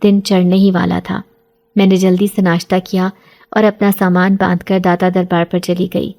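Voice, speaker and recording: A woman narrating a first-person horror story in a steady, earnest storytelling way, as scripted narration. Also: on the low side.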